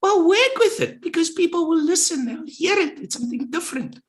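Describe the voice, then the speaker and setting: A man putting on the voice of a man with a very high voice and an odd accent, playful and squeaky. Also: lively intonation, fairly quick.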